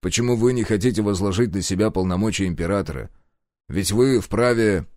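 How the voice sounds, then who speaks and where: A man voicing a stubborn, reluctant hero who answers bluntly and gruffly and swears when pushed. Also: lowish voice, a little fast, darkish tone, no room sound, studio quality, close to an everyday voice.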